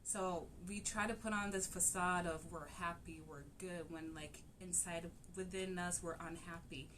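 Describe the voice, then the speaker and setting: Young woman coach, lowish voice. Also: fairly even intonation, a little slow, a bit bright, slight background noise. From Cameroon. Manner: easygoing, laughs often. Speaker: guest relationship coach. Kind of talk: casual interview chat.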